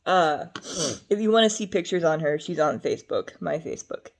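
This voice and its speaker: A woman's voice: deep voice, very animated, brisk. A young adult woman vlogging to camera in a rambling, chatty way, drifting between topics with frequent fillers. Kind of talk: casual talk to camera.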